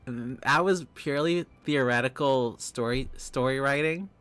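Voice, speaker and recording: A man's voice: mid-range voice, normal speed, a bit bright, clear, resonant tone, dry recording. A young man streaming live, chatting casually with viewers, giggling often and rambling through restarts.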